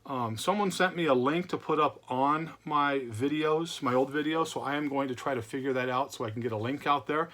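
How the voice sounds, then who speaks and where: A man's voice: mid-range voice, brisk, few pauses, a bit bright. A man hosting a casual vlog, rambling in a chatty way with repeated words and many fillers. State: recovering from illness. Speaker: comic book channel host. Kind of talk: casual chat to camera.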